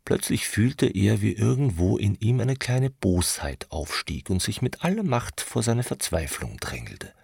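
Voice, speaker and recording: A man reading a novel aloud in calm, measured narration, close on a studio mic. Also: on the low side, vocal fry, slightly rough, dry recording. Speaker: audiobook reader. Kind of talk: scripted narration.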